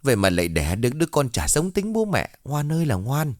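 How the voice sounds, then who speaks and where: A man's voice: medium pitch, wildly swooping pitch, a little fast, no room sound, studio quality, pitched above the performer's own voice. A man doing a chatty, fretful older villager. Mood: fond gossip. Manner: chatty, fond and worried.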